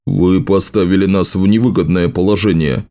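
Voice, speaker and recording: A man voicing a wary male dungeon guard who talks in a guarded, halting way in an audiobook. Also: low-pitched, fairly even intonation, darkish tone, natural voice.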